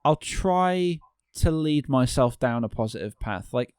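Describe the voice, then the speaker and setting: A man's voice: mid-range voice, animated, measured pace, a little mellow, clean tone, no echo, studio quality. A man, a podcast guest, talking in casual chat with many restarts and fillers.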